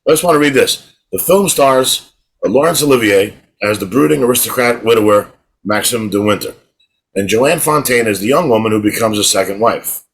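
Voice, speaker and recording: A middle-aged podcast co-host tells rambling stories in casual chat, repeating words as he starts and restarting often. His fairly low voice is expressive with a breathy edge and a moderate pace, though the audio quality is poor.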